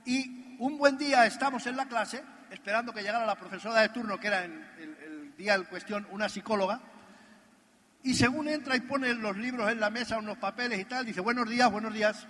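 A man with a high, ringing voice delivers a motivational convention speech. He tells stories and presses his points home, talking right at the listener. A long hall reverb trails behind every phrase. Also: a little fast, sharp tone. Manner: emphatic, addresses the listener directly. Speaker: motivational speaker at a business convention.

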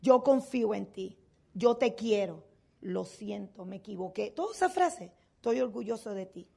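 A woman's voice: medium pitch, expressive, moderate pace, gravelly, darkish tone, husky. An older woman giving a motivational seminar talk to a business audience. She asks rhetorical questions and then answers them herself.

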